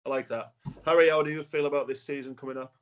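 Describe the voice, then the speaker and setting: A man with a northern English accent hosts a relaxed podcast chat. He talks easily and keeps turning questions over to guests. The sound is a bit muffled and lo-fi. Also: mid-range voice, quick pace. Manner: chatty, hands questions to guests. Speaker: podcast host. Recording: dull lo-fi audio.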